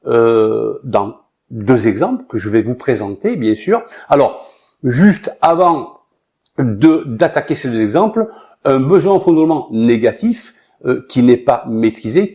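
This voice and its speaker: A man's voice: medium pitch, mellow. A man teaching business finance in a hesitant way, with many filler sounds. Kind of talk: explanatory lesson with a short acted opening.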